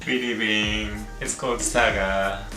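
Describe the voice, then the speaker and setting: A Japanese man in his thirties, a native Japanese speaker chatting in halting English on a couple's vlog and laughing often between words. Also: lowish voice, fairly even intonation, reverberant, distant mic, over music. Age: 30s. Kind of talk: casual chat.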